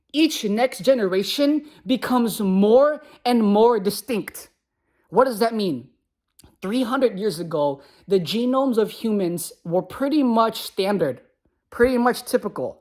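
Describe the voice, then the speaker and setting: A woman who speaks Khmer alongside English, delivering an impassioned, preachy monologue to viewers with emphatic repetition. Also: medium pitch.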